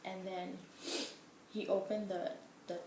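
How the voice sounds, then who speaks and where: A woman's voice: medium pitch, level tone, slow pace, mellow. A young woman telling a casual story in an exasperated, emphatic way, full of filler words. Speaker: vlogger. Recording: echoey room, faint background hum.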